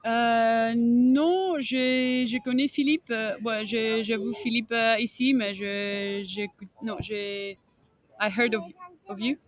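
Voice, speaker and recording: Female interview guest, foreign Greek accent, unhurried and halting delivery, slightly high voice. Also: fairly even intonation. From Greece. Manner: halting, searching for words in non-native French. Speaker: tennis coach and podcast guest. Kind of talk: interview answers.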